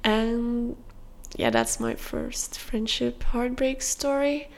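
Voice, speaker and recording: A young woman hosts a podcast, telling a personal story in a candid, confessional way. Her voice carries a gravelly vocal fry, and she pauses on soft fillers as she goes. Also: a little high, very animated. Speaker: podcast host.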